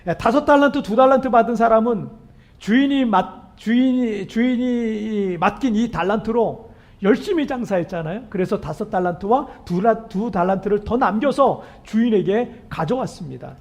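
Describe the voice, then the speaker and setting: A man preaches a sermon with earnest emphasis, frequently putting questions to his congregation. His hoarse, weakened voice cracks on the high notes, though he stays animated at a moderate pace.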